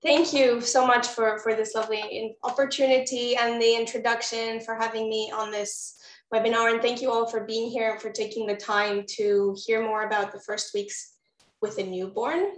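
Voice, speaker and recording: Speaking straight to her audience over a video call, a postpartum doula from Israel gives a warm, encouraging webinar presentation. Her voice is fairly high and moderately paced, and the sound is reverberant.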